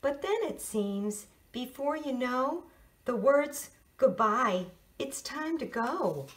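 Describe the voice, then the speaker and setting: Woman, teacher, children's story read-aloud, sing-song, lively, slow, slightly high.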